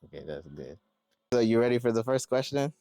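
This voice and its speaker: A man hosting a casual interview, asking questions in loose, relaxed phrasing. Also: medium pitch, a little fast, dry recording. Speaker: interviewer and channel host.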